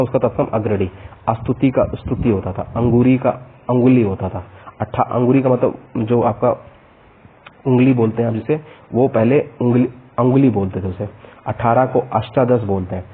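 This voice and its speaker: A man's voice: medium pitch, breathy edge. Man rattling off Hindi word lists. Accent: Hindi, North Indian. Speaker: exam coaching teacher. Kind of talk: rapid-fire exam vocabulary lesson. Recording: tinny narrow-band lo-fi audio.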